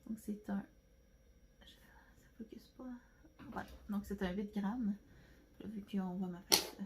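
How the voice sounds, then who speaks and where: A Québécois woman vlogger talks through her nail products on camera, in a casual, rambling way full of fillers. Her voice is mellow and dark, held in a narrow, level pitch. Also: steady tone, measured pace, a little hiss or hum. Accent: Québécois French. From Quebec, Canada. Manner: chatty, rambling, many fillers and restarts. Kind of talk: casual product haul chat.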